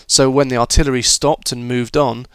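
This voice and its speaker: A man's voice: medium pitch, steady tone, moderate pace, fairly bright tone, clear, resonant tone, no room sound. A man talking students through a history lesson in a chatty, informal way, with fillers and restarts. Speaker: history teacher.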